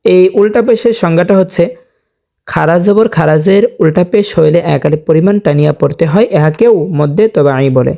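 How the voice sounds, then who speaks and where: Gravelly-voiced man teaching Quran reading. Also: fairly high pitch, warm tone. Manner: slow drawn-out recitation of verses between explanations; addresses viewers directly, asks and answers own questions. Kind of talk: spelling-out Quran reading lesson.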